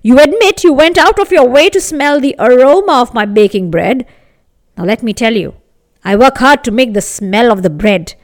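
A woman's voice: a little high, lively intonation, normal speed, close to an everyday voice. A woman voicing an angry, indignant male village baker in a told story. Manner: accusing, indignant, insistent.

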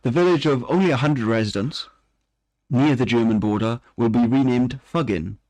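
A man co-hosts a casual chat, reading strange news items aloud and adding dry jokes between them. His voice sits at an ordinary pitch and is recorded close and dry, with no room sound around it. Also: normal speed, darkish tone, dry recording. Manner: laughs often, reads news aloud with dry asides. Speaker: podcast co-host.

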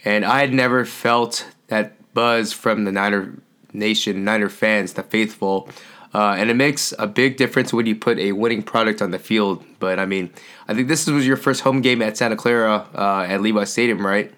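A man hosting a sports podcast, chatting casually in a relaxed, rambling way with many fillers. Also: lowish voice, moderate pace. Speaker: podcast host.

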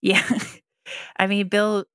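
Woman chatting casually, asks lots of questions, dry close sound, mid pitch. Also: completely flat delivery, extremely slow, fairly bright tone, clean tone, no echo. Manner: curious, asks questions, laughs along. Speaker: podcast co-host. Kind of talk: casual chat.

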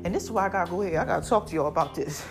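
Talking very fast and expressively in a lowish voice, this American woman in her forties addresses her online followers in a casual, emphatic monologue while faint music plays behind her. She's a motivational host promoting her own fitness line, leaning on catchphrases and frequent check-ins, and allergies seem to be touching her voice slightly.

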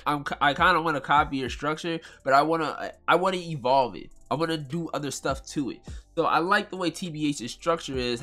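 A man's voice: fairly high pitch, pushed and bright. A man hosting a casual solo podcast in a congested, nasal whine, rambling in slang and repeating phrases for emphasis. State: congested from allergies. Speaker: podcast host.

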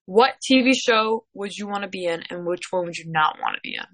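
A woman's voice: medium pitch, brisk. A young woman co-hosting a casual podcast, giggly and teasing, rambling as she asks questions. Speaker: co-host.

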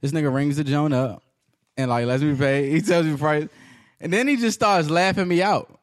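A man's voice: a little high, brisk, dry recording. A man in his twenties, a guest on a casual podcast, acting out a story with quoted dialogue in loose slang. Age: 20s. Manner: lively, slangy, acts out dialogue. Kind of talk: casual chat.

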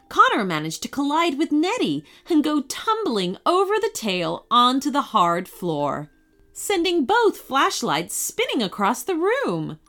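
A woman narrating a children's storybook in an expressive storytelling manner. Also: a little high.

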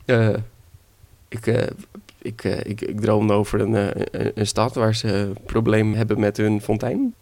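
A man voicing the devil's fussy old grandmother, talking high and stammering through her excuses. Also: fairly even intonation, measured pace, vocal fry, a little mellow. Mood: flustered. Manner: high-pitched, hesitant, flustered fibbing.

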